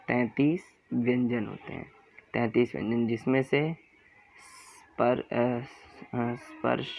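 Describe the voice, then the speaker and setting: A man teaching Hindi grammar, explaining in a classroom style, asking questions and answering them himself, and repeating sounds slowly. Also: mid-range voice, vocal fry, phone-quality sound.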